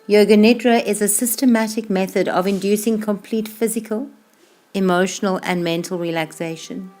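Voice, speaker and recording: Soft, unhurried phrases drift off as a woman yoga instructor leads a calm, slow guided meditation in her mid-range voice. Music plays behind her the whole time.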